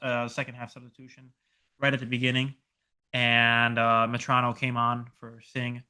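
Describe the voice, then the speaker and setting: A young man co-hosting a soccer podcast, recapping a match in casual, animated talk with swearing and lots of fillers. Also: medium pitch. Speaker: podcast co-host.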